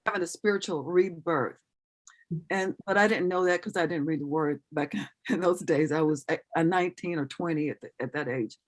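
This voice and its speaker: A middle-aged woman, appearing as an interview guest, shares an earnest personal testimony and acts out the dialogue she remembers as she goes. Her voice sits low, and she talks at normal speed.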